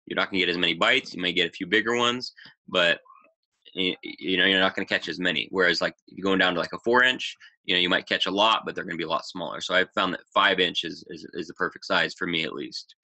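Presenting a fishing webinar over slides, this thirtysomething man from the US Pacific Northwest speaks in a low voice that sounds pushed and bright. He's casual, with lots of "um" and "you know" along the way. The audio comes from a webcam mic in a small room.

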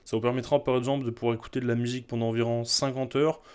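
A man reviewing a phone in a relaxed, chatty way, often repeating words. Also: medium pitch, racing, clean tone. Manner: chatty, repeats "très, très" and "hop". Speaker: tech reviewer. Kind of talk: product review vlog.

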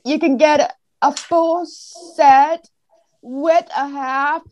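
A woman's voice: high-pitched, fairly even intonation, drawn-out words, darkish tone. A woman off camera chiming in with friendly kitchen tips during a cooking demo. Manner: friendly, offers helpful tips. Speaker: off-camera viewer giving tips. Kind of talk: casual chat. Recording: dull, muffled sound.

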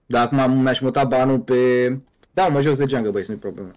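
A young man from Romania streaming a game, chatting casually and reading viewer questions out to his friends. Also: mid-range voice. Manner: relaxed, reads chat questions out to friends. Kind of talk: casual gaming chat on a live stream.

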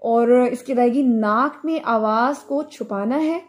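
Slow-spoken woman teaching Quran recitation. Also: fairly high pitch. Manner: explains slowly, then chants each verse for students to repeat. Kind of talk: online class teaching. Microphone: video call.

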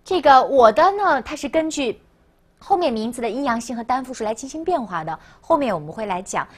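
A woman teaching a language lesson, often slowing down to repeat words for learners to copy. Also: high-pitched, very animated, husky. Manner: slow, exaggerated repetition of words for learners. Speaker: French teacher.

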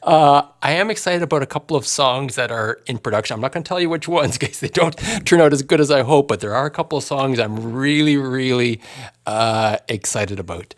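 A middle-aged man hosting a casual chat, rambling and halting, laughing often between words. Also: mid-range voice. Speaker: podcast host and musician.

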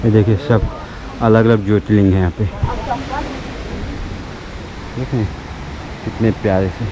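Loud waterfall noise fills this outdoor recording as a travel vlogger tours a temple site on foot. He addresses viewers directly, chatty and admiring, in a lowish, level voice, and the recording sounds muffled.

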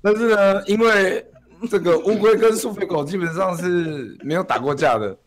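A man's voice: high voice, moderate pace. A male streamer laughing through a playful, improvised story relay with friends.

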